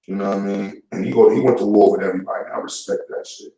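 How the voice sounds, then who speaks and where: In an echoey room, with his voice far from the mic, a YouTube commentator speaks at a quick pace in a low, mellow voice. His vlog rant is casual and blunt, full of street slang, and he keeps repeating his points.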